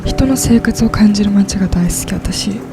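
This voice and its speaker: This vlogger, a woman in her twenties, has a mid-range voice with vocal fry and speaks at a normal pace. Her casual voice-over, laid over background music, is cheerful and full of enthusiasm for things she adores.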